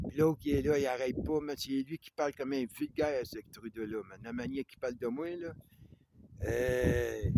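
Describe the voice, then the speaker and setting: A man with a Québécois French accent in a heated, confrontational monologue, constantly jabbing at an unseen "you" and tagging lines with "man". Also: medium pitch. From North America. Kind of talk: ranting monologue. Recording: noisy clicking background.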